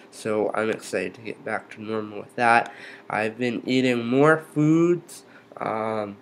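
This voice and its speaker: A man with a fairly low voice speaks slowly and haltingly in a casual, unscripted update. His words are slightly impeded, as from a numb, stiff jaw and lower lip after surgery. Clear background noise sits behind him. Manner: halting, hesitant delivery. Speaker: vlogger giving a surgery recovery update. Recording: noticeable background noise, room ambience.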